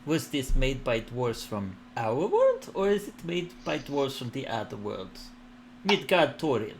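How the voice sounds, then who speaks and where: A man running a tabletop game as game master, improvising narration in a hesitant, halting way. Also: medium pitch, wildly swooping pitch, slight background noise.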